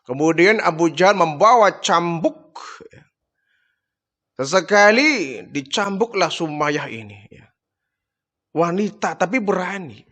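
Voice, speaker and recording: A man's voice: high-pitched, expressive, slow pace, pauses often, a bit bright. A male preacher telling a vivid story as a sermon, often tagging his sentences with a short "ya". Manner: vivid retelling with frequent "ya" tags.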